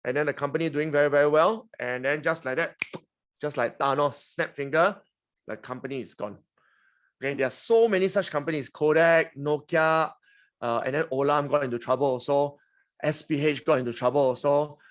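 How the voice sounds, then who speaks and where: A man's voice: fairly high pitch, brisk. Chatty Singaporean man in his forties. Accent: Singaporean English. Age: 40s. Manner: chatty, teasing, frequent "okay?" and "huh?". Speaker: webinar host. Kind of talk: lively finance webinar talk.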